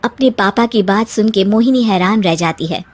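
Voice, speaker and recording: A woman's voice: mid-range voice, moderate pace, no echo. A woman narrator reading a scripted moral story as a voice-over. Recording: voice-over with music. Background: music.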